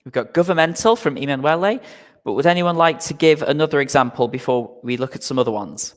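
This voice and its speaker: A man's voice: on the high side, animated, in a large hall. A man teaching an English vocabulary lesson to a live online class, patient and repetitive, checking in with "okay?" after nearly every point. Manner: patient, repeats "okay?" often, slow explanations.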